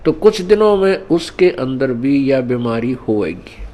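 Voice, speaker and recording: A man's voice: mid-range voice, sing-song, measured pace, mellow. A man preaching at an ashram gathering, teaching through couplets and parables. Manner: didactic, mixing in scripture couplets and parables. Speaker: spiritual teacher. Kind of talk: Hindi sermon.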